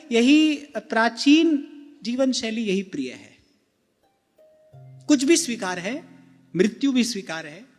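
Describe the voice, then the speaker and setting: A man giving a gentle devotional discourse, often repeating himself and putting questions to his listeners. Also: extremely high pitch. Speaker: spiritual discourse speaker. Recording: long hall reverb with faint music.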